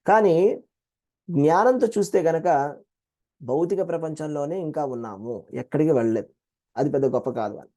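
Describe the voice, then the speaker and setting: Animated, mellow-voiced Telugu man teaching. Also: fairly high pitch, moderate pace, long pauses. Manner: animated, acts out quoted voices. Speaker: Gita teacher. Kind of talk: devotional class explanation.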